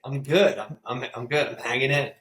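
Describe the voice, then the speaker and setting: A man's voice: mid-range voice, steady tone, normal speed, fairly bright tone, roomy sound, slight background noise, low-quality recording. A man in his thirties from North Jersey, an easygoing podcast guest who laughs often and stammers a little. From North Jersey, USA. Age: 30s. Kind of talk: casual interview chat.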